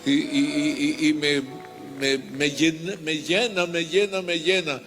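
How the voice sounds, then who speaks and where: Slow, fervent older man testifying. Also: on the high side, fairly even intonation, fairly bright tone, soft background music. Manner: fervent, repetitive storytelling. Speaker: reverend. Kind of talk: personal testimony.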